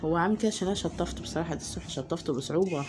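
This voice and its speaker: A woman's voice: fairly low pitch, very fast, noisy background. A woman with an Egyptian accent chatting casually to her viewers at home about her cats, rambling with lots of fillers. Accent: Egyptian Arabic. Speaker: cat vlogger.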